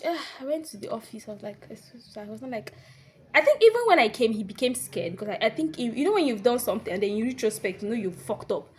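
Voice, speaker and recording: Animated young Nigerian woman telling a story. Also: on the high side, quick pace. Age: young adult. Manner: animated, drops into hushed asides. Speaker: vlogger. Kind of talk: storytime vlog.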